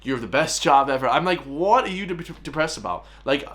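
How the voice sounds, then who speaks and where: This is an Irish man reacting to a clip, talking quickly and emphatically as he hosts his channel. His pitch sits in an ordinary middle range, and he keeps turning to his viewers to press his point. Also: animated, a bit bright. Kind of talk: casual reaction commentary.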